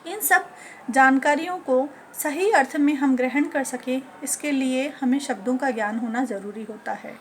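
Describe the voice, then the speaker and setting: A woman teacher educator giving a lecture on teaching methods, listing points one by one in a measured way. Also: sits high, a little hiss or hum.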